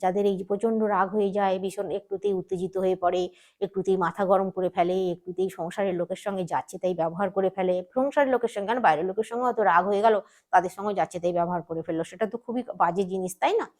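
A woman hosting a devotional channel, giving spiritual advice in a patient, instructive way and repeating each step slowly. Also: mid-range voice, darkish tone. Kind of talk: casual spiritual advice talk.

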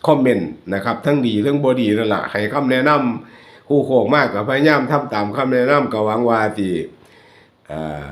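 Man, Isan accent, channel host, casual joking commentary, mid pitch, echoey recording. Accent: Northeastern Thai (Isan). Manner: chatty, joking, addresses viewers as brothers and sisters. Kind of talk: casual commentary over photos. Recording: roomy echo.

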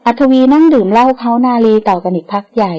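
A woman's voice: a little high, lively intonation, fast talker, warm tone, highs cut off. Woman narrating a romance audiobook. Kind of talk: scripted romance novel narration.

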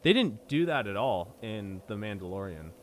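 This young streamer's fairly low voice swings widely in pitch as he chats at a moderate pace during a game. Casual and rambling, he stammers now and then and swears when something annoys him.

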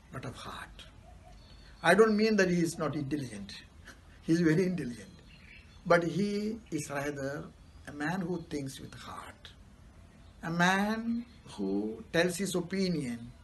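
A middle-aged man with a South Indian accent giving a formal speech as a bishop, emphatic and phrase by phrase, trailing off at the ends. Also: fairly high pitch. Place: in front of a wooden door. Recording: faint background noise.

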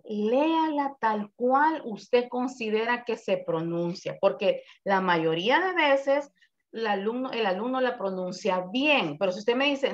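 A woman's voice: on the high side, dull audio. A woman teaching an English class over a video call, explaining grammar patiently. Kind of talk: online class instruction.

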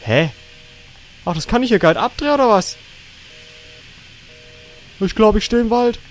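Young male let's player, foul-mouthed and jumpy, high voice, faint game music behind. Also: expressive, moderate pace. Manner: swears a lot and shrieks at scares. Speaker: let's play gamer. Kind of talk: horror game commentary. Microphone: facecam setup, desk mic.

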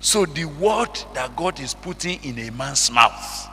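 A man delivers a sermon at an unhurried, deliberate pace, his voice bright and forceful. He reads scripture in old-fashioned wording and throws questions out to the congregation. The sound rings with a long hall reverb over a faint hum. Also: a little high, lively intonation. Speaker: preacher.

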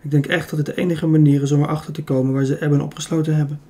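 A man reading an audiobook, voicing a self-assured young woman who calmly argues her plan. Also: on the high side, racing, close to an everyday voice. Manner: calm, persuasive. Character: very young woman, confident and clever.

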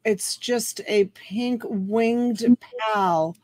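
Slightly high and a little mellow, her voice comes extremely slowly with no room sound. She's a woman in her forties hosting a live-stream auction from home via webcam, plush toys and a dress form around her, chatty and folksy as she draws out the bidding calls.

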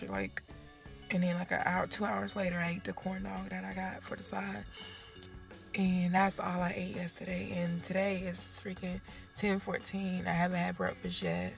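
A woman's voice: mid-range voice, moderate pace, creaky, soft background music. A young woman chatting casually to viewers from inside a house, rambling and often sinking into a half-whisper as her voice fades. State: voice fading low. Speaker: vlogger.

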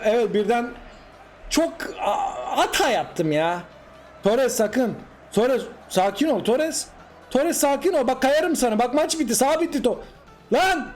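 Turkish guy yelling at his football game, super high voice, keeps repeating stuff, little music in the back. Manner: animated, exclaims and repeats short cries at the screen. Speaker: gaming YouTuber. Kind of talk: excited live gameplay commentary.

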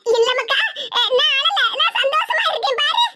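A woman voicing a doting old grandmother in a cartoon, with a Tirunelveli Tamil accent and a high, shaky voice. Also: sing-song, normal speed, very noisy. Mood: teary joyful.

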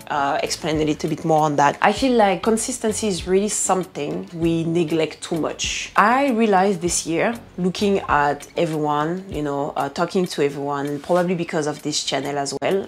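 A woman with a French accent talks straight to camera, answering viewers' questions. Her voice sits low, and she is earnest and encouraging, often restarting mid-sentence. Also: a little hiss or hum. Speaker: fitness and nutrition vlogger. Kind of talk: casual Q&A monologue to camera.

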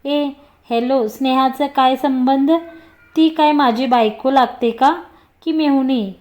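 Woman reading as cocky, teasing young man; high voice. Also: steady tone, takes it slowly, darkish tone. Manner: teasing, joking.

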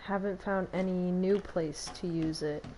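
A woman's voice: lowish voice, fairly even intonation, unhurried, heavy background noise. Giggly woman streaming a game. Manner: chatty and giggly, talking to herself. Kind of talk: casual gameplay commentary.

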